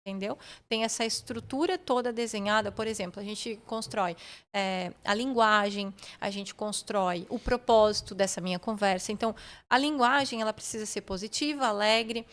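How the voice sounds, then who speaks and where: A woman's voice: mid-range voice, normal speed, a bit bright. A woman guest on a podcast, explaining customer service methods step by step and often checking in with the listener. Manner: methodical, often tags phrases with "né?". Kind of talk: explanatory interview talk.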